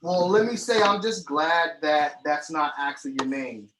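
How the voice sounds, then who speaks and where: A man hosting a casual live-stream chat show, loud and joking. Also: a little high, animated, normal speed. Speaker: host. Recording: echoey room, faint noise.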